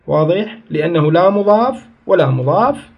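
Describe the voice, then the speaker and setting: A man's voice: high-pitched, lively intonation, normal speed, husky, muffled recording. A man teaches a grammar lesson. He explains each point step by step, asks questions and answers them himself, and stops to correct his own slips. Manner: corrects himself mid-sentence.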